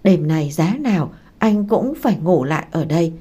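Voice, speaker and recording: A woman's voice: deep voice, animated, moderate pace, mellow, slightly rough. A woman voicing a drunken, stubborn ex-husband who pleads and insists. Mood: pushy.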